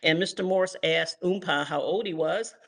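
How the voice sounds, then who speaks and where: An older woman from Ohio giving an online history lecture as guest author, measured and filled with ums and uhs. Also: on the low side. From Toledo, Ohio, US. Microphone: video call.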